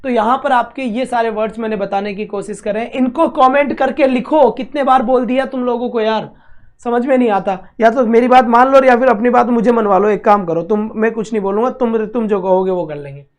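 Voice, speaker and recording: A man's voice: very high-pitched, a little fast. A man teaching a vocabulary lesson, asking and answering his own questions and scolding students teasingly. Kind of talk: classroom-style vocabulary lesson.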